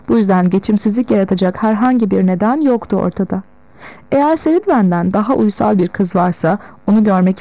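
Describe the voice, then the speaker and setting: A woman reads a literary novel aloud in the first person, at a measured storytelling pace. Her tone is warm and mellow, and the recording is dry and close. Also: mid-range voice, no echo, rough recording. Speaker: audiobook narrator.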